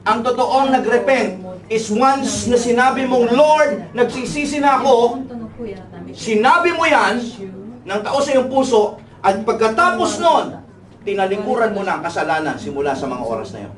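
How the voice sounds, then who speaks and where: A man's voice: extremely high pitch, expressive, moderate pace, crowd noise. A man preaching a sermon, switching between languages and calling out to the congregation for replies. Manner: preaching in mixed Tagalog and English, calling for replies. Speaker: pastor. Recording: echoey hall, distant mic, audible congregation.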